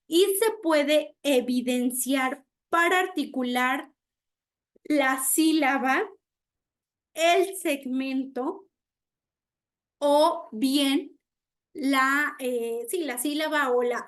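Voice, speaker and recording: A woman giving an online speech therapy lecture. She explains with everyday examples, often checks in with "¿no?", and acts out how children mispronounce words. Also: sits high.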